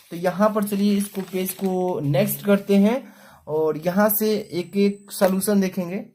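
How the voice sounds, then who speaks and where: A young adult male teacher walking students through an exam paper, explaining step by step and reading verse aloud slowly. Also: sits high, a little mellow. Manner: explanatory, repeats "ठीक है" and "देखिए", slows down to read verse aloud; clears throat often.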